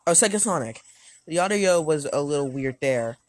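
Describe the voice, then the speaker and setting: A woman's voice: sits low, expressive, normal speed, dry recording. A woman giving rambling, hesitant commentary over an arcade game she is reviewing, often restarting and correcting herself. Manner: talks loudly over game music at times. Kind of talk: gameplay commentary.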